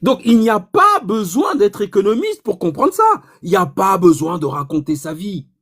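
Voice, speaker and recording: A man giving an informal economics lesson, animated and provocative, asking himself rhetorical questions. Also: sits high, moderate pace. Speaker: economics explainer.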